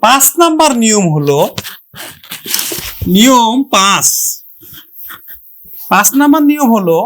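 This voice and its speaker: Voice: mid-range voice, very animated, a little hiss or hum. A teacher giving a pronunciation lesson, who stretches out each example word carefully and says it more than once. The teacher asks the listener questions and then answers them. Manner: drawn-out, careful sounding of example words.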